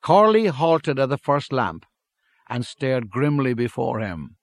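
A man reads a literary story aloud in a measured, steady way at an even middle pitch. The sound is dry and close, with no room around the voice. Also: no room sound. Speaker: narrator. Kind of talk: scripted story narration.

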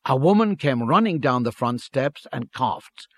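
A man's voice: medium pitch, dry recording. Man reading a story, dry close sound. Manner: measured, steady reading. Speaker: narrator. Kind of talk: scripted story narration.

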